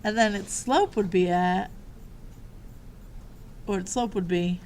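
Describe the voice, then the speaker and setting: A woman's voice: medium pitch, takes it slowly, darkish tone, a little hiss or hum. A woman teaching a math lesson, upbeat and walking the class through each step.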